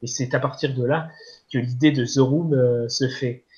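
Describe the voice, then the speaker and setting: A man's voice: medium pitch, fairly even intonation, moderate pace, dark tone, muffled recording. A man talking casually about a film as a podcast guest, hesitant with many fillers. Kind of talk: casual film review chat.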